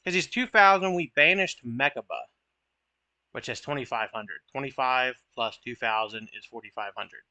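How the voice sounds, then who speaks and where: Casually commenting over card game matches he's playing, a young man laughs at his own misplays. He speaks in a mid-range, sharp-toned voice at a moderate pace, captured in a dry recording. Chatty and self-deprecating, he swears occasionally.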